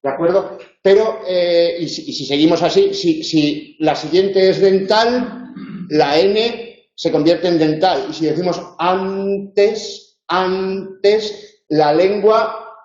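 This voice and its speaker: Man, university lecturer, explanatory, slightly high voice, echoey lo-fi recording. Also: a little mellow. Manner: explanatory, demonstrates sounds slowly. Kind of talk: online tutoring lecture. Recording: roomy, dull lo-fi sound.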